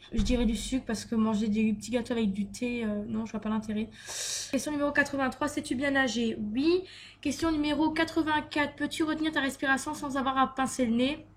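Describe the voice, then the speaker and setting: A young woman from France chatting through a vlog question list, with many fillers and restarts. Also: high-pitched. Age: young adult. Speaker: beauty vlogger. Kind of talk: casual Q&A tag vlog.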